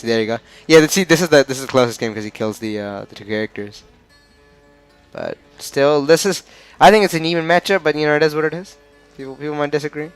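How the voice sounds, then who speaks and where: A man's voice: mid-range voice, no room sound. Rambling Australian man analysing a fighting game match. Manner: chatty, stumbling over names, frequent fillers. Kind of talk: casual match analysis commentary.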